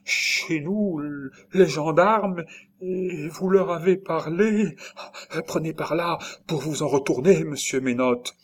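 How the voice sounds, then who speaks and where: A man reading a story aloud, voicing a superstitious, excitable peasant nurse in a high exclaiming voice. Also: unhurried, few pauses. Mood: alarmed. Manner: shrill exclaiming falsetto. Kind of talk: audiobook reading.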